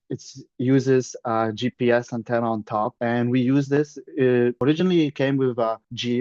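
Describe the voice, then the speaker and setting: A Lithuanian surveyor with a Lithuanian accent tells his story as a guest presenter in a casual webinar over a video call. His medium-pitched voice has a darkish tone with no echo, and he sounds chatty and plain-spoken through dull lo-fi call audio.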